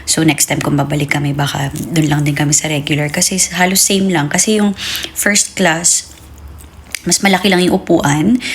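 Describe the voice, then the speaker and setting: Chatty woman with a low voice. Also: creaky. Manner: chatty, with many fillers and self-corrections; high, playful baby talk to her daughter. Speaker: vlogger, new mother. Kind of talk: casual vlog chat. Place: home in Hong Kong.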